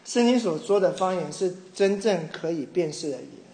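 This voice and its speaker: A middle-aged man from Taiwan preaching a sermon, telling a personal story with animated mimicry of others. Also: sits high, moderate pace. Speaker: pastor. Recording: echoey room with faint ambience.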